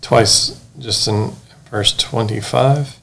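A man's voice: on the low side, steady tone, slow, gravelly, fairly bright tone. A man in a Bible study, affirming the teacher and adding his own reflective point. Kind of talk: conversational Bible discussion.

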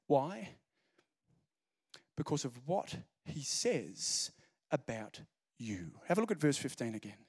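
A young man giving a lively, jokey evangelistic talk, telling stories and repeating key phrases. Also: mid-range voice, takes it slowly, pauses often, breathy edge. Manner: animated storyteller, jokey asides, repeats phrases. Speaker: speaker explaining Christianity.

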